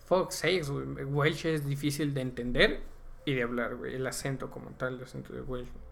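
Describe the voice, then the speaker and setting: A young man with a Mexican accent talks through a casual podcast chat, going on at length and ending almost every phrase with the same slang tag. His voice has a gravelly, creaky edge at a middling pitch. A faint hiss of noise sits under the recording. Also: steady tone, a little fast, fairly bright tone. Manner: explains at length, tags nearly every phrase with slang filler. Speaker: podcast co-host.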